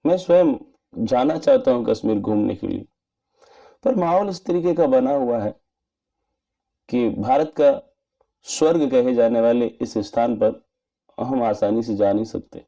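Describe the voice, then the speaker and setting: Man, film reviewer, earnest and measured, gravelly, dark mellow tone. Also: medium pitch, dull audio. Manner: earnest and measured, formal wording. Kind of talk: spoken movie review.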